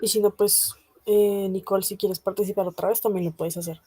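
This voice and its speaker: A woman teacher walks her class through a grammar lesson in a mellow, dark-toned voice. She pauses on frequent fillers and keeps asking whether everyone follows. The sound is close and dry. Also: mid-range voice, fairly even intonation, husky, no room sound. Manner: patient, checks understanding often; many hesitation fillers. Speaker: language teacher.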